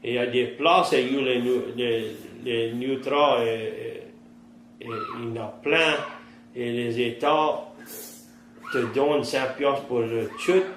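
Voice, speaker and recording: A man's voice: medium pitch, steady tone, takes it slowly, fairly bright tone. A man in his fifties with a Cajun French accent, plain-spoken in rural vernacular, recounting his life in an interview. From southern Louisiana, United States. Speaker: interviewee, trapper and fisherman. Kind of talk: oral-history interview, recounting past life. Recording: roomy echo, faint background noise.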